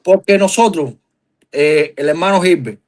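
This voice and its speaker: A Cuban man with a fairly high-pitched voice, talking as a guest on a live stream. He speaks earnestly and with emphasis, stacking up long questions. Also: unhurried, a little mellow. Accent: Cuban Spanish. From Cuba.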